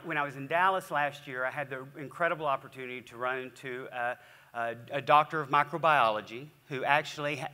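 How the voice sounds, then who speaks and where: Enthusiastic man on stage, bright voice. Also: medium pitch, clean tone. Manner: enthusiastic, chatty, with restarts. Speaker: host. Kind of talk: onstage interview. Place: large conference stage. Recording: hall reverb from a stage.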